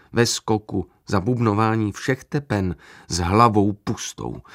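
A man narrating a literary story in the first person, in a measured, dramatic way. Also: on the low side, no room sound, studio quality.

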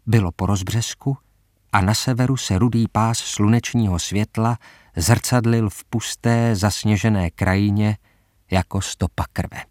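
Low-voiced man reading a story. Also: steady tone, darkish tone, no room sound, clean studio sound. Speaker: audiobook narrator. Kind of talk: scripted first-person narration.

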